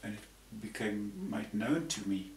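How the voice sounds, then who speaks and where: This panel guest, a man from Zambia in his sixties, has a fairly low, slightly mellow voice with vocal fry and an unhurried delivery. His explanations ramble conversationally, with frequent repeated words. Behind him hangs a patterned tapestry; the audio is distant and roomy, carrying a faint hiss.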